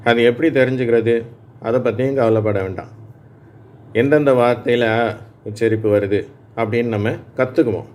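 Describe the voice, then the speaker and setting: A man with a lowish voice teaches English reading in Tamil. He talks slowly and reassuringly, repeats each point and keeps checking that his adult learners are following. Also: a little mellow. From Tamil Nadu, India. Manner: patient, reassuring, repeats points and asks "சரியா?". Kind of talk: slow spoken lesson for adult learners.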